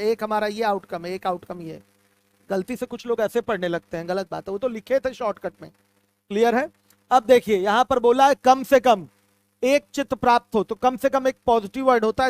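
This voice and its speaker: Patient male math teacher, smooth dry voice. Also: very high voice, no echo. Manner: patient, repeats key terms, calls students "my children". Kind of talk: online class lecture.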